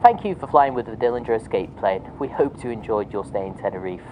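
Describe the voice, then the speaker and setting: A woman playing an airline captain making a calm, routine cabin announcement from the cockpit, with the odd hesitant filler. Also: very deep voice, fast, a little hiss or hum, rough recording. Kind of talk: deadpan comedic sketch voicing.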